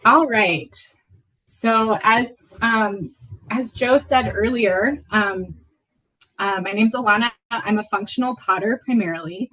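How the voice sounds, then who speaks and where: A woman in her thirties from Venezuela talks at a mid pitch, presenting her work in a loose, unhurried way. She pads her sentences with fillers, and her phrases often fade softly at the end. It sounds like a video call. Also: rough recording. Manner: relaxed, with fillers and soft trailing endings. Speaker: guest lecturer, potter. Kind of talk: casual presentation.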